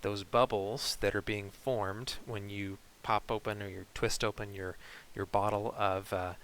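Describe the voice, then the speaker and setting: Chemistry teacher guy, lowish gravelly voice, lots of uh and um, laid back lecture. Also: measured pace, a little hiss or hum, low-quality recording. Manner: relaxed explaining with many fillers. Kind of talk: recorded online lecture.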